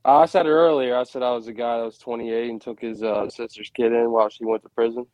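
A sick man calls into a talk show, his quiet, halting voice breaking up over a bad phone connection that keeps cutting out. The line sounds muffled and dull, with no room sound at all. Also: medium pitch, steady tone, no room sound. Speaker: caller. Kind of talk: call-in phone chat.

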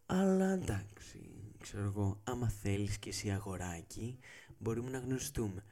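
A man's voice: on the low side, expressive, mellow, pitched below the performer's own voice. Man putting on a teasing young woman's drawl.

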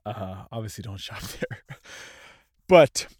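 A man in his thirties hosts his own podcast in a fairly low, darkish, husky voice that is also a little congested and nasal, speaking slowly and expressively. The casual solo talk is loose, self-deprecating, and unscripted in one take. The studio-quality recording has no room sound.

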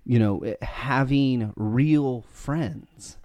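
A man co-hosting a faith podcast, talking fast and earnestly, often restarting his sentences. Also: medium pitch, dark tone, dry recording. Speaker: podcast co-host. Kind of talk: casual faith podcast chat. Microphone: podcast mic.

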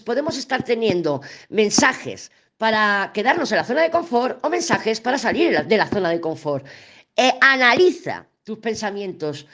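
Woman doing her daily tarot chat, super animated up and down, blunt and chatty, trips on words a lot. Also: a little high. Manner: chatty and direct, trips over words, laughs at herself. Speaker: tarot reader. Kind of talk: casual daily tarot reading to camera.

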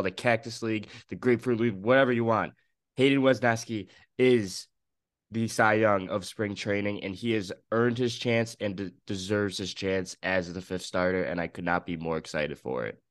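Young male co-host, lowish voice, dry close sound, keen and opinionated. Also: normal speed, no room sound. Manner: excited, opinionated. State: just woken up, morning voice. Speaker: podcast co-host. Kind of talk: casual sports podcast chat.

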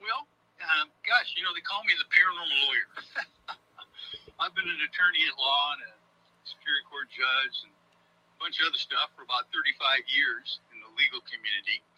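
A man's voice: on the high side, pushed and bright, husky, rough recording. Older man heard through a speakerphone. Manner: halting, many ums and uhs. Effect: heard over a speakerphone. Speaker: guest. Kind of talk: casual interview talk.

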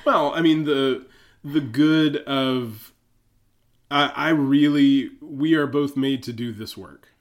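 Easygoing pastor co-hosting a chat. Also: male voice, medium pitch. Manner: halting, restarts, easygoing and playful. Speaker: pastor and podcast co-host. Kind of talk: casual chat.

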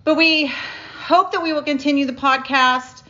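A woman's voice: high-pitched, moderate pace, bright, forceful tone, muffled recording. A middle-aged woman co-hosting a podcast in casual chat, laughing often, recorded on a phone. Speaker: podcast co-host.

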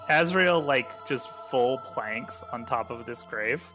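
A man's voice: mid-range voice, lively intonation, slow, music in the background. A man playing a tabletop role-playing game, casually describing what his character is doing.

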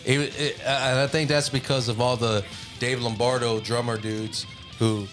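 Man, casual podcast chat, cursing a lot, mid pitch, music clearly playing underneath. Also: normal speed. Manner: profane, excitable, laughing often. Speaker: podcast co-host.

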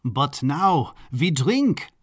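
A man's voice: fairly high pitch, sing-song, measured pace, voice pushed up. A man voicing a flamboyant, eccentric male baron who talks in an effusive, squealing, theatrical way in a storybook reading. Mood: gushing.

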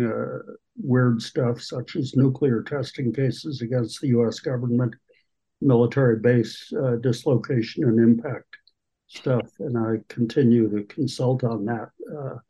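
A man's voice: mid-range voice, steady tone, slow pace, creaky, mellow, breathy edge, rough recording. A man in his eighties introducing himself on a video call in a rambling, hesitant way. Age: 80s. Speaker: panel guest.

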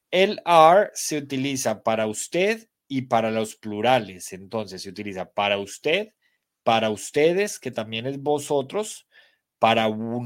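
Slow, patient male English teacher. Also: medium pitch. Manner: slow, patient explanations mixing Spanish and English. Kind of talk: live online English class.

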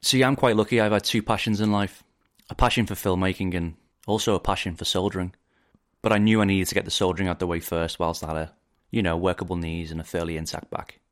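A man in his forties with a Liverpool accent, a film director hosting a podcast in measured, reflective narration. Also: deep voice. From England.

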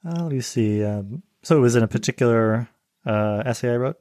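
A man talks through ideas as a podcast guest, thoughtful and explanatory. He has a dry sense of humor. His voice sits at an average male pitch and is recorded dry. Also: a little fast, darkish tone, no echo. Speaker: guest, newsletter writer. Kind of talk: casual podcast conversation.

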